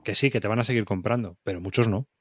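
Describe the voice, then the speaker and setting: A man's voice: on the low side, fast, breathy edge, no room sound, studio quality. A man in casual chat, bluntly ranting and swearing.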